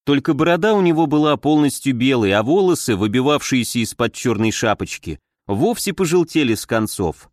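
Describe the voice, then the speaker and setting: Male audiobook narrator, steady reading, dry studio sound. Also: medium pitch, brisk, few pauses, no echo. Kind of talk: scripted narration.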